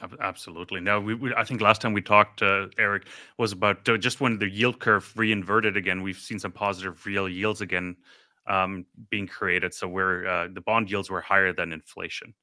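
A man's voice: deep voice, fairly even intonation, normal speed, pushed and bright, dry recording, studio quality. A middle-aged man hosting a finance podcast, asking chatty questions with frequent stumbling restarts. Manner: chatty, stumbling restarts, laughs at own remarks. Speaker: podcast host. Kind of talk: interview questions.

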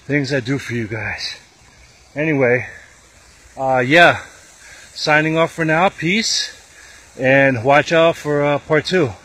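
A man vlogging while hiking a rough trail, chatting to viewers and out of breath, recorded on a handheld camera mic outdoors. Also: mid-range voice, a little slow, pauses often, a bit bright. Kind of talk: outdoor exploring vlog.

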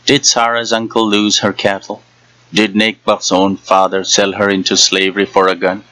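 A man's voice: fairly low pitch, monotone, moderate pace, pushed and bright, dry recording, pitched above the performer's own voice, rough recording. A man voicing an old woman fortune teller who taunts and jeers in a bitter, cackling way. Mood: accusing. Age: older.

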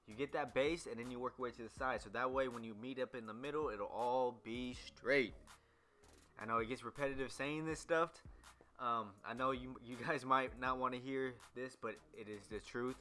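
A man's voice: mid-range voice, fairly even intonation, normal speed, bright, forceful tone. A young man, a barber, talking loosely through a haircut tutorial with lots of ums and restarts. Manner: loose, rambling, many fillers. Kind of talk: casual voice-over tutorial.

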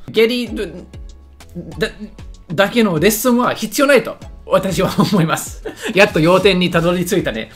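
Guy joking around reacting to a video, keeps tripping on his words, pitch all over the place, soft music under it. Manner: joking, self-mocking, stumbles over words. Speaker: YouTuber reacting to a lesson video. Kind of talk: casual commentary.

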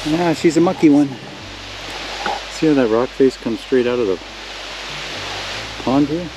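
An older homesteader vlogger walks outdoors through woods and swamp, narrating casually and pointing things out in a relaxed, rambling way. His mid-range voice moves at a measured pace over a noisy background.

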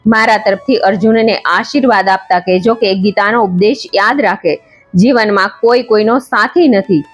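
A woman narrator voicing a calm divine male god who speaks in a gentle, reassuring, serene way. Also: mid-range voice, moderate pace, natural voice.

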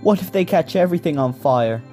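Woman as a low-voiced, anxious cartoon youngster. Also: expressive, brisk, mellow, faint music behind. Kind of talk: animated cartoon voice acting.

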